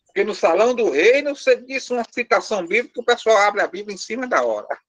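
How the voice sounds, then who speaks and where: A man's voice: high-pitched, lively intonation, fast, fairly bright tone. Brazilian male teacher, patient step-by-step explainer, quizzes the class, a little teasing. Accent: Brazilian Portuguese. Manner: lightly teasing, joking with the class. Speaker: language teacher. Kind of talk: live class lesson.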